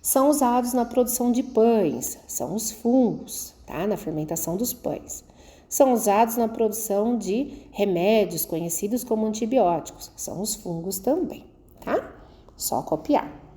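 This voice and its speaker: Woman, schoolteacher, video lesson for kids, patient step-by-step explaining, warm voice. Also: mid-range voice, lively intonation, normal speed. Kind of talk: recorded video lesson for children.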